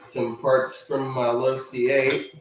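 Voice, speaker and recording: Hobby host with the hiccups, unhurried workbench commentary, recorded a little off-mic. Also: male voice, medium pitch, little pitch movement, echoey room, distant mic, slight background noise, low-quality recording. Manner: slow, offhand narration while working with his hands. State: has the hiccups.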